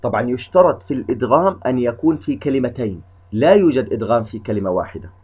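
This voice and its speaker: A man teaching Quran recitation rules step by step, explaining each rule methodically before drawing out the examples slowly. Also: mid-range voice, animated, husky. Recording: dull lo-fi recording.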